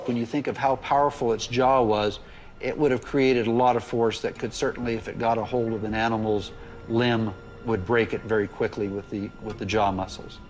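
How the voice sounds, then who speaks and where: A man's voice: mid-range voice, steady tone, moderate pace, darkish tone, poor audio. A man giving unscripted expert commentary in a documentary interview, describing things in loose conversational phrasing. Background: music under the voice.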